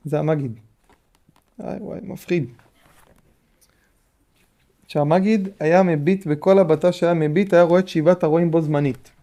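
Mellow-voiced man teaching a Torah lesson. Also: a little high, steady tone. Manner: repeats phrases and explains patiently to listeners. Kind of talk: Torah lesson, reading and explaining a text.

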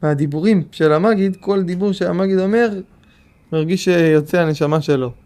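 Mellow-voiced man teaching a Torah lesson. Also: sits high. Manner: repeats phrases and explains patiently to listeners. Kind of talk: Torah lesson, reading and explaining a text.

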